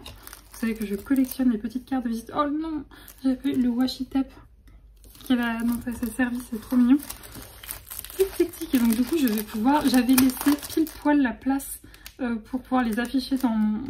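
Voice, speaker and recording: A young woman vlogging in a casual, chatty way, her voice sitting a little high and sounding soft and mellow. She talks excitedly, with lots of little fillers and restarts as she goes. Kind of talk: casual vlog chat.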